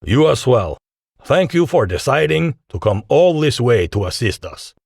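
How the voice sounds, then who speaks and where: A man's voice: medium pitch, very animated, measured pace, gravelly, darkish tone, slightly rough, dry recording, clean studio sound, pitched above the performer's own voice, exaggerated voice. A man voicing a courteous Russian scientist in his mid-fifties, speaking formally with a heavy Russian accent. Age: 50s.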